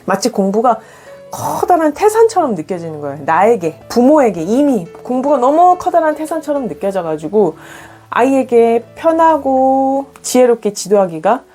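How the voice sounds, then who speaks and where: A middle-aged woman parenting coach, calmly explaining and acting out parents' inner thoughts. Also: a little high, moderate pace, husky, soft background music. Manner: calm, reflective, acts out parents' inner voices. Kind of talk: explanatory monologue.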